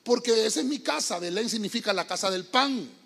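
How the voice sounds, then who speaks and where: A man's voice: high voice, lively intonation, brisk, creaky, a bit bright, full character voice. Grieving old widow, as a preacher quotes her. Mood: pleading. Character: grieving widowed older woman urging her daughters-in-law home. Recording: long reverb of a church hall.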